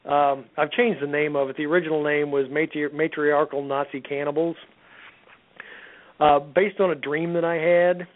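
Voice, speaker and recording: A man's voice: a little high, level tone, normal speed. A middle-aged man telling rambling stories as a guest in a casual radio chat, with many restarts. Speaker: guest author. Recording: phone-like radio line.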